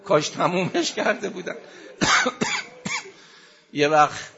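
A man's voice: high voice, huge pitch swings, vocal fry, fairly bright tone. A man delivering a mourning sermon, a preacher recounting a tragic story with impassioned, tearful emotion. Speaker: religious preacher reciting a lament. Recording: dull lo-fi recording.

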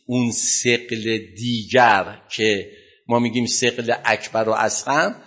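A male preacher retells a religious story in a sermon, with a husky, slightly rough voice. His pitch rises and falls widely as he dramatizes the scene. Sudden loud bursts punctuate the telling.

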